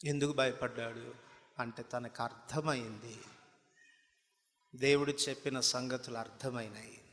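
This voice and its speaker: A man's voice: mid-range voice, steady tone, a little slow, fairly bright tone. A man preaching a sermon, telling a story and firing rhetorical questions at the congregation, building to impassioned appeals. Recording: long reverb of a large hall.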